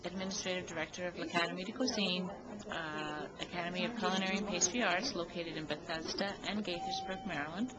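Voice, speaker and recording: A woman culinary school director giving a brisk, list-like interview answer at a conference. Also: lowish voice, poor audio. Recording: loud crowd at a conference.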